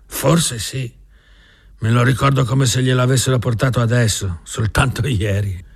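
A man's voice: mid-range voice, fairly even intonation, moderate pace, gravelly, breathy edge, pitched above the performer's own voice. A man reading an audiobook voices a worried older ranch foreman who frets and sighs. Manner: worried, sighing.

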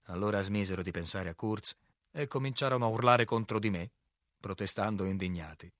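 A man narrating a novel as an audiobook, reading in a measured, clear way and acting out the quoted lines. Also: lowish voice, a bit bright, dry recording, clean studio sound.

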